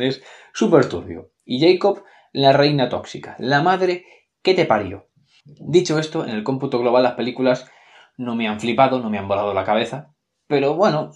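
A man with a Spain Spanish accent gives casual, opinionated film commentary, sarcastic and expressive, swearing freely and swinging his pitch up and down. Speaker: film reviewer.

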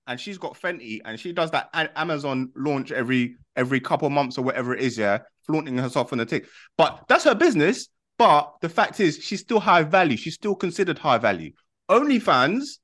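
Insistent London man with animated pitch. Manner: insistent, repeats phrases. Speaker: host. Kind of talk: casual heated debate with slang.

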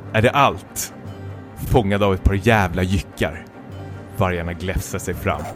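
Playful man with a lively voice. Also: lowish voice. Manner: playful, breaks into laughter while reading. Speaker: podcast co-host. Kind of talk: comic reading of a self-written fan story.

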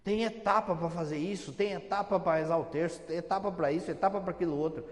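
A Brazilian priest gives a homily in a chatty, teasing manner and imitates his parishioners. His voice sits a little high. It rings out with the long echo of a church. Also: quick pace. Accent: Brazilian Portuguese. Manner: conversational, teasing, mimics churchgoers.

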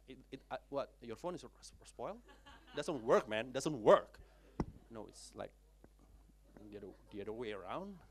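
A man voicing a soft-spoken puzzled CEO. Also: lively intonation, unhurried, lightly acted. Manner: hesitant, low-key and soft. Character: puzzled businesslike male CEO.

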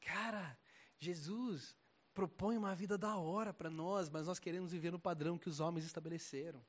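A young Brazilian man preaching a casual, slangy sermon, animated and swinging between loud and soft. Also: on the high side, moderate pace.

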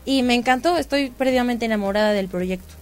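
A woman's voice: a little high, fast talker, soft background music. A woman with a Mexican accent chatting casually in a playful, self-mocking way into a handheld microphone. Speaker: teacher. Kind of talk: casual chat.

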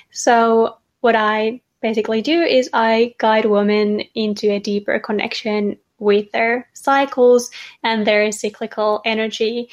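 Finnish-accented woman guest, soft, measured, slightly high voice, hesitant. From Finland. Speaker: guest, cycle coach. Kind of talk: conversational interview.

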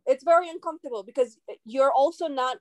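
A woman from Russia, a native Russian speaker, talks as a guest on a casual podcast. She speaks reflectively and pauses to search for words, in a slightly high voice. The sound is close and dry. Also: a little mellow, no room sound.

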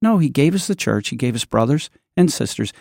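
A man's voice: medium pitch, big pitch swings, a little fast, gravelly, darkish tone. A man co-hosting a church podcast, speaking in an emphatic, preacherly way, building up lists of points. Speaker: podcast co-host. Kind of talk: casual church podcast chat.

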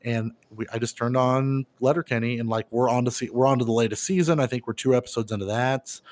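Casual male podcast co-host, thirties, profane and easygoing, gets loud on the funny bits. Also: mid-range voice, fast. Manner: laid-back, swears freely, gets loud and animated retelling funny scenes. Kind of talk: casual chat.

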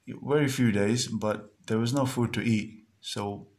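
A man's voice: lowish voice, fairly even intonation, a little slow, a little mellow. A man hosting a podcast, speaking in an earnest, repetitive motivational monologue full of fillers and restarts. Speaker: podcast host.

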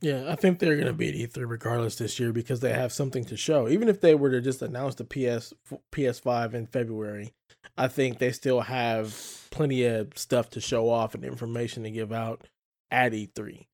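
Male podcast host, easygoing and chatty, medium pitch. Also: a little fast, a little mellow. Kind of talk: casual podcast chat.

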